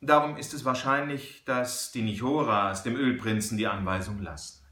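A man voicing a calm, shrewd frontier hunter who explains things in a measured, firm way. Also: medium pitch, roomy sound, natural voice.

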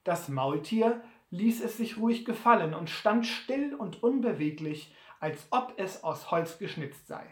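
A reader narrates an adventure novel with lively, wide-ranging pitch and an unhurried pace. The reading sits in a roomy, echoing space. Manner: lively, acts out each character. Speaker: audiobook reader. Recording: roomy echo.

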